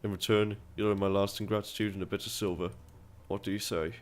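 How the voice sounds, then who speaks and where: A man's voice: on the low side, flat delivery, fast, lightly acted. A man reading a game's dialogue aloud, voicing a scheming middle-aged male town merchant in a persuasive, businesslike way with put-on accents.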